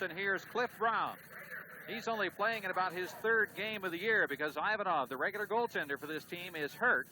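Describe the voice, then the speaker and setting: A man giving relaxed, explanatory color commentary on a late-1970s televised soccer match. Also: high voice. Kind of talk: 1970s TV sports analysis. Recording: old TV broadcast with steady noise.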